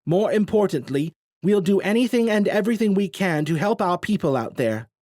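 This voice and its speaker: A man's voice: high voice, animated, a little mellow, no echo, clean studio sound, voice pushed up. A man voicing a businesslike male commander laying out a plan. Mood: determined. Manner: brisk, planning. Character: businesslike male resistance commander giving orders.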